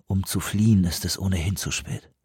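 A man voicing a tired, grim male scientist who speaks quietly, with a husky voice. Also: deep voice, brisk, dry recording, clean studio sound, voice pushed down. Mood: resigned. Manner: quiet, subdued.

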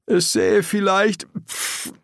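A man's voice: sits high, fairly even intonation, slow pace, gravelly, fairly bright tone, no echo, clean studio sound, pitched above the performer's own voice, full character voice. Man doing a prim, fussy young lieutenant. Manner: formal, courteous, chatty.

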